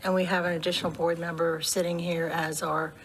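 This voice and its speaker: A woman chairing a public committee meeting, relaxed and chatty, with a voice she says she is losing. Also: fairly low pitch, a little fast, slight background noise. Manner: warm, loose, laughs between remarks. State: losing her voice.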